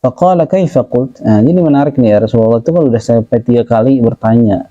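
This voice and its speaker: A man teaching a religious study class, reciting Arabic phrases slowly and then translating and explaining them. He talks casually to his students and calls on them by name. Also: mid-range voice, warm tone, no room sound. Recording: slightly dull, dry, lo-fi recording.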